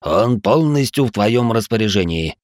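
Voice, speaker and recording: A man's voice: on the low side, lively intonation, normal speed, dry recording, clean studio sound, natural voice. A man voicing the wary male companions in a reading, in a raised, urgent voice. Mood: tense.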